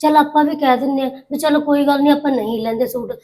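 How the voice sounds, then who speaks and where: A wary, resentful elder daughter-in-law, played by a woman. She grumbles fast in a fairly high voice throughout this family drama. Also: steady tone, warm tone, natural voice. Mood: grumbling. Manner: grumbling, indignant. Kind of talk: village family drama acting.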